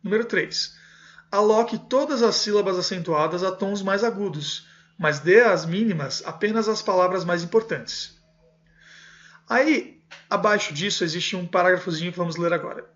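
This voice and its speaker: A man's voice: sits high, moderate pace, dull audio. A man reading aloud from a music theory book and explaining it, often checking in with his listeners. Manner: steady reading with frequent "certo?" check-ins. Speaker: music teacher translating a textbook.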